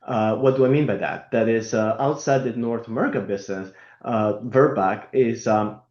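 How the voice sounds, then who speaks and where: A man from Italy, speaking as an interview guest in a halting way with many fillers and restarts. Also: medium pitch, a little mellow. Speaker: guest, company executive. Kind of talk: conversational interview. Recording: roomy, dull lo-fi remote audio.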